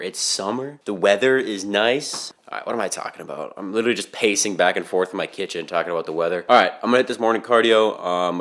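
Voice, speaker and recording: A man's voice: lowish voice, a bit bright. A young man talking casually in his kitchen as a fitness vlogger, rambling and musing aloud with a slightly groggy morning voice. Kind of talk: casual vlog chat. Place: home kitchen.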